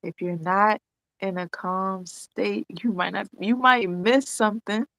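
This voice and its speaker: A woman co-hosting a casual podcast chat, talking in a relaxed, slangy way with bursts of animated emphasis. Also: medium pitch, measured pace, creaky, no echo, rough recording. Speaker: co-host.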